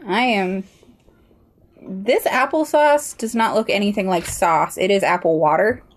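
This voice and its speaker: This podcast co-host talks casually while sampling food, grumbling and giving frank verdicts as she chews. She has a mid-range voice and an unhurried delivery.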